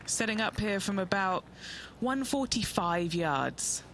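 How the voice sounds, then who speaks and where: A woman's voice: mid-range voice, animated, slow pace, heavy background noise. A woman giving golf commentary as an on-course reporter.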